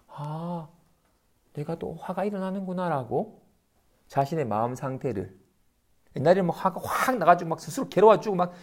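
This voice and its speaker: A middle-aged man, a Buddhist monk, giving a conversational dharma lecture on a sutra. He often checks in with his listeners and acts out the voices he quotes. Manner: animated, acts out quoted voices with pitch jumps; conversational, often adds tag questions.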